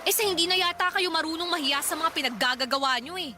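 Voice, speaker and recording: In Tagalog radio drama acting, a woman with a very high-pitched, fast voice and a Filipino accent plays an indignant, embarrassed young daughter. She scolds sharply in exasperation, with faint music behind her.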